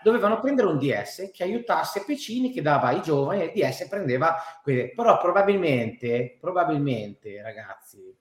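A man's voice: on the high side, sing-song, normal speed, hardly any pauses. A man in a casual, heated football discussion, speaking emphatically and swearing in exasperation. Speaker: football fan panelist. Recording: roomy, echoing room sound.

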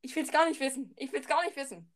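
A woman's voice: sits high, quick pace. A woman chatting casually on a podcast, giggly and hesitant.

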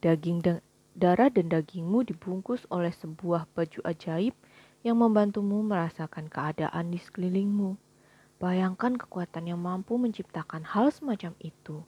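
A woman voicing a calm, patient angel who explains things evenly, in a storybook reading, with a breathy voice. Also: mid-range voice, normal speed, highs cut off, lightly acted.

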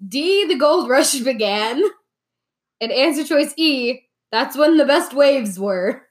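A woman's voice: high voice, expressive, slow. A young woman co-hosting a casual trivia chat, reading out playful answer choices and laughing at her own jokes. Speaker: podcast co-host, quiz asker.

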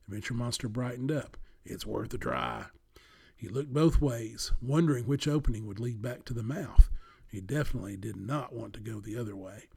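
Gravelly-voiced man reading a children's story. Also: mid-range voice, brisk, mellow.

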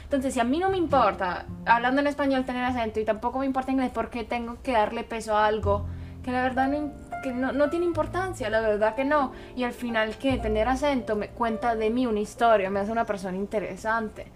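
A woman's voice: fairly high pitch, fairly quick, over music. A woman from Italy, speaking Spanish with an Italian accent, candidly telling a personal story as a guest.

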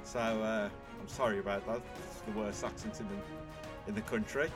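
A man's voice: on the low side, little pitch movement, normal speed, music in the background. A man with a Birmingham accent hosting a podcast in casual, self-deprecating chat. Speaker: podcast host.

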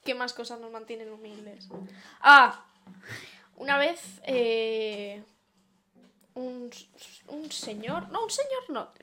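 A young woman, co-hosting a casual podcast with quick, dry quips. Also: fairly high pitch, lively intonation, pushed and bright. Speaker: podcast co-host. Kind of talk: casual chat.

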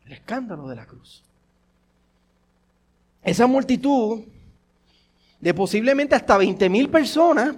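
A male pastor preaching a sermon, repeating rhetorical questions and swinging between forceful and hushed delivery. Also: very high voice.

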